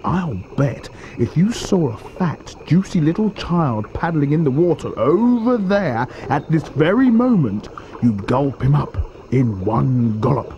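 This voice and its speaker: Man as huge greedy crocodile, storybook villain, slow savouring delivery, boastful, sly, animated intonation. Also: fairly high pitch, lo-fi sound, a little hiss or hum. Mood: blustering. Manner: gloating, savouring words slowly. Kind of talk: children's storybook character voice.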